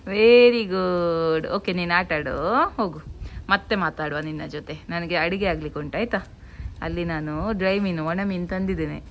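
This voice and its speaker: A woman, a mother chatting casually in her home vlog and gently coaxing her child. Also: on the low side, normal speed, a little hiss or hum.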